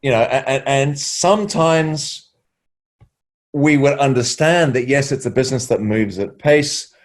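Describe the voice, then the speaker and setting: A man guest, a workplace wellbeing trainer, answering an interview question with measured anecdotes. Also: mid-range voice.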